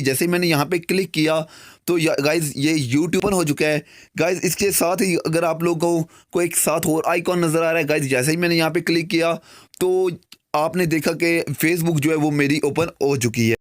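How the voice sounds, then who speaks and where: A young man with a Pakistani Urdu accent walks viewers through a phone tutorial, with "guys" dropped into nearly every sentence. His voice sits a little high and sounds dry and close, with no room around it. He talks in a loose, chatty way. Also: no room sound. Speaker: tech channel host. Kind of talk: screen-recorded tutorial narration.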